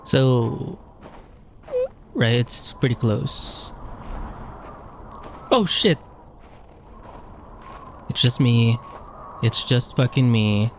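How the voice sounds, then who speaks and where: A man at a middle pitch talks through a horror game, startling easily and swearing freely. His nervous outbursts break into steadier narration, with a faint hiss behind him. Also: steady tone, slow pace, gravelly, pauses often, darkish tone. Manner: jumpy, swears a lot, nervous exclamations. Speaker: gamer. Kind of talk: horror game let's play commentary.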